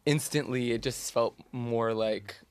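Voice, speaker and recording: A young man from the United States, a group member, answering in a halting, sincere way. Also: mid-range voice, smooth, no room sound.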